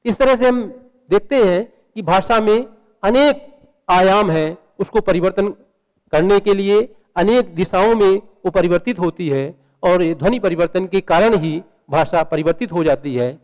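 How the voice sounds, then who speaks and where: A man's voice: high-pitched, a little slow, a little mellow, in a large hall, low-quality recording. A man giving a university lecture, explaining patiently with many examples and rhetorical questions.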